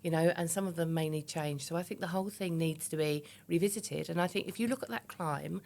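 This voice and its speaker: Interview guest: woman, fifties, low-pitched with a gravelly edge, candid, emphatic, conversational. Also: brisk, a little mellow. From East London, England. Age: 50s. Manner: candid, chatty, emphatic, illustrates points with quoted self-talk. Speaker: interview guest, business founder.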